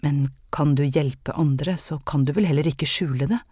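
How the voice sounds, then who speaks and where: A narrator voicing a polite, refined young city lady who is lonely and hoarse from a cough, in an audiobook. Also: mid-range voice, darkish tone, no echo, close to an everyday voice. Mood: curious. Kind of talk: audiobook character reading.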